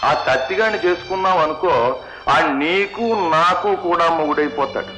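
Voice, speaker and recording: A man's voice: high-pitched, moderate pace, music in the background, lightly acted, low-quality recording. A middle-aged man playing a scheming, wisecracking father in a 1970s film comedy. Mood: mocking. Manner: mocking, wisecracking. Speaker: girl's father.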